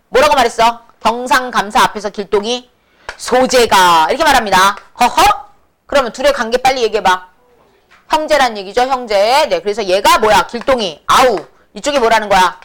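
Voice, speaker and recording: A woman teaching classic Korean prose, asking quick questions and answering them herself in a casual, brisk lecturing manner. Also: fairly high pitch, fairly bright tone. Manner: brisk, colloquial, answers her own questions. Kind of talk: lecture with call-and-response questions.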